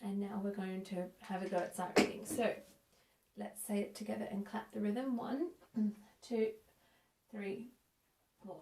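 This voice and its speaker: A woman teaching a music lesson for young children, counting in and praising warmly. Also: medium pitch, steady tone, a little slow, background noise. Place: room at home. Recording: echoey room, a bit distant.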